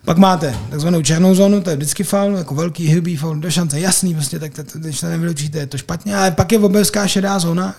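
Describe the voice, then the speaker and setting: A man's voice: a little high, gravelly, few pauses, a little mellow. A man, a hockey referee, chatting on a podcast and rambling with lots of fillers and restarts. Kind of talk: casual podcast chat.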